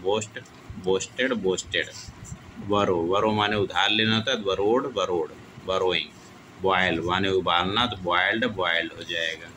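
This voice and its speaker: A man teaching English grammar in Hindi with a Hindi accent, repeating each verb form slowly in drill style. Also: low voice, sharp tone, slight background noise, low-quality recording. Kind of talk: classroom lesson reciting verb forms.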